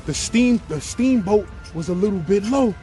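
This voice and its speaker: A man with a New York accent telling a casual, profane, animated story, often asking if you follow him. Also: high-pitched, normal speed, soft background music. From Brownsville, Brooklyn, New York. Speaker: guest telling prison stories.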